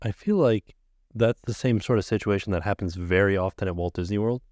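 A man's voice: lowish voice, brisk, darkish tone, no echo. A man co-hosting a podcast, chiming in with short, agreeable remarks in casual chat. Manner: brief, agreeable interjections. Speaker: podcast co-host.

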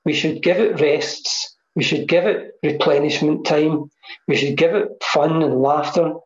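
A man with a slightly high, steady voice talks a little slowly while reflecting on mindfulness as a guest. He repeats phrases to emphasize them, captured by a computer mic over a dull, echoey video call.

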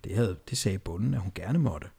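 A man's voice: sits low, lively intonation, creaky, dark tone, breathy edge. A man reading a fairy tale aloud and joking with friends in casual chat. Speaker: storyteller and podcast host.

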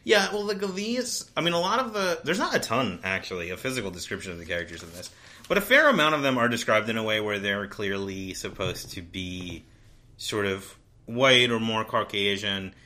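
A man's voice: lowish voice, animated, moderate pace, pushed and bright. A man co-hosting a podcast, chatting casually about a novel with lots of fillers and restarts. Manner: rambling, many fillers and restarts. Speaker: podcast co-host. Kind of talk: casual book discussion.

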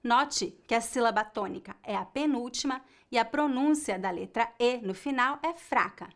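Brazilian woman, language teacher, slightly high, careful scripted delivery. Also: a bit bright. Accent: Brazilian Portuguese. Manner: slow, clear explanation for learners. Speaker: Portuguese teacher. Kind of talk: scripted lesson.

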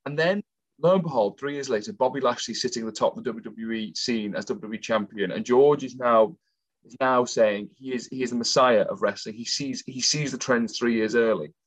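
A man's voice: medium pitch, moderate pace. A man co-hosting a casual podcast, telling stories in a chatty way. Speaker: podcast co-host.

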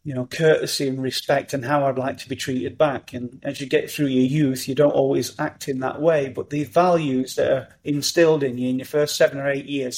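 A middle-aged man, talking as a podcast guest in an animated, upbeat way. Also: mid-range voice. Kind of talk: conversational interview.

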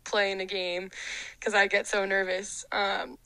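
A woman's voice: medium pitch, completely flat delivery, measured pace, sharp tone, no room sound, low-quality recording. A young woman, a college athlete, talking casually and reflectively in an interview, with lots of fillers. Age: young adult. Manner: reflective, chatty, many fillers.

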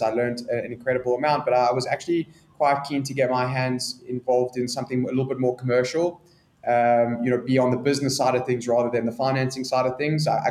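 A man from South Africa with a South African accent, answering interview questions in a measured, businesslike way. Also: mid-range voice, darkish tone, reverberant. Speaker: guest, business expert.

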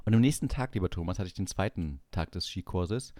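A man's voice: low-pitched, fairly quick, dry recording. A young man telling a long personal story in casual chat, acting out the voices of the people in it. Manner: animated storyteller acting out quoted dialogue. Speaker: podcast co-host.

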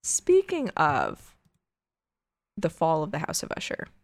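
A woman's voice: sits low, wildly swooping pitch, takes it slowly, dry recording, studio quality. A woman podcast host chatting casually in a joking, sweary way. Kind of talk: casual chat.

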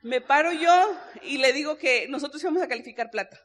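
A woman speaks from a convention stage, sharing her story in an earnest, personal way. Her voice sits high. She keeps turning to the audience and talking to them directly. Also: brisk, fairly bright tone. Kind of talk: motivational stage testimony. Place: stage before a live audience.

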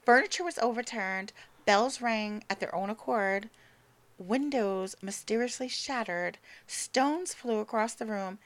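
Woman podcast co-host, slightly high voice, loose casual storytelling, trips over words and laughs it off. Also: measured pace. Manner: stumbles over names and words, laughs at herself; swears casually.

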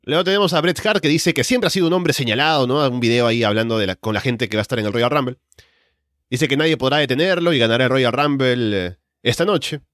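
A man's voice: medium pitch, fast, fairly bright tone, no echo. Man recapping wrestling like a commentator, dry sound. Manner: recounts moves step by step in present tense. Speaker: podcast co-host recapping wrestling matches.

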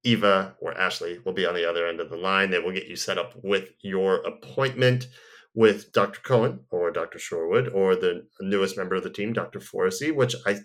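Laid-back guy with a lowish voice running a podcast, chatty and a bit rambly. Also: fairly quick, a bit bright. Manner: easygoing, rambling with fillers. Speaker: podcast host. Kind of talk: casual chat and live ad read.

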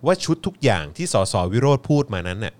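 A man's voice: medium pitch, very animated, fast, a little mellow. A man co-hosting a talk show, reading out figures and commenting on the news in a colloquial, jokey way with polite particles.

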